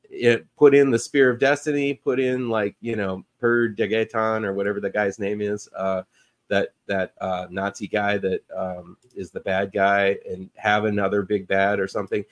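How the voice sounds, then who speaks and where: A man's voice: lowish voice, level tone, moderate pace. A man co-hosting a podcast, chatting casually about comic book movies and rambling with many fillers and restarts. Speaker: podcast co-host.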